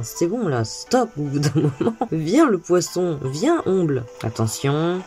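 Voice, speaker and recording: A woman with a low voice gives casual commentary as she plays a video game. She talks in a chatty, expressive way, quick to sound exasperated. Faint game music runs underneath.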